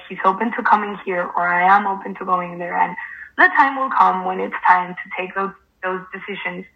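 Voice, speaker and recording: A young woman whose first language is Spanish talks in an earnest, halting way and pads nearly every phrase with "like". Her voice sits at a middle pitch. The sound is a little muffled and lo-fi. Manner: hesitant, fills with "like" constantly, earnest. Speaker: guest. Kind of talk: casual conversation.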